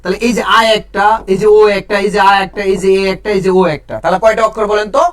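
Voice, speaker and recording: A man's voice: high voice, little pitch movement, quick pace. A man teaching an online exam-prep class, drilling students with repeated questions and answers and reading out viewers' names. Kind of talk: live-streamed class.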